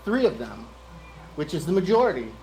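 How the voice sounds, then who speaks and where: A man's voice: fairly high pitch, big pitch swings, a little fast, heavy background noise. A man making a confrontational, accusing public comment at a local meeting. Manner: accusing, combative, sarcastic.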